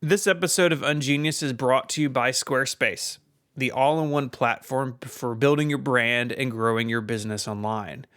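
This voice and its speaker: A man's voice: mid-range voice, normal speed, dry recording, clean studio sound. A man co-hosting a casual podcast, trading history facts, laughing often and reading a sponsor spot. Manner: laughs often, relaxed banter. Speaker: podcast co-host. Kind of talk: casual podcast chat and ad read.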